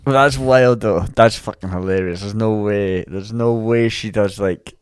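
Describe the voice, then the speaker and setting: Low-voiced man, dry casual chat. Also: a little slow, smooth, dry recording. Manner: laid-back, short agreeing replies with casual swearing. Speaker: podcast co-host.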